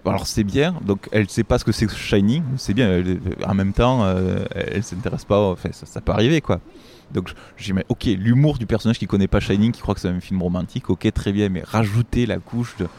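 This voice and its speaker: A man's voice: lowish voice, brisk, warm tone, slight background noise. A man hosting a film review show, chatting casually in an indignant, rambling way with many restarts. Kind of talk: casual chat.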